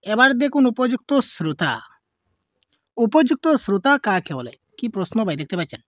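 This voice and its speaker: Pitched on the high side and a bit bright, this woman's voice swings widely as she teaches an online exam-prep lesson. She asks multiple-choice questions, drawls the options, and quickly answers them herself, mixing in English terms. The studio sound is clean and dry.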